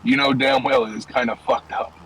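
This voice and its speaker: A man's voice: mid-range voice, level tone, fairly quick, a bit bright, poor audio. A young man streaming and chatting loosely from his car, rambling through stories with plenty of swearing. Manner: loose, profane, rambling storytelling. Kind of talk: casual chat while gaming and driving.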